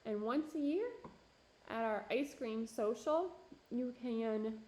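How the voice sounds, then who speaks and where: Her voice fairly high but dark in tone, a young pottery streamer from the Minneapolis–Saint Paul area talks slowly and casually with her chat from her home studio. She fills the talk with fillers and laughs while her voice starts to go, and the audio quality is poor.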